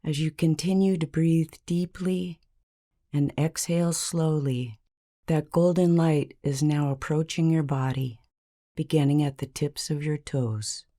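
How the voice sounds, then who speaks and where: A woman with a low-sitting voice narrates a scripted guided meditation. She speaks calmly and soothingly at a measured pace, leaving long pauses.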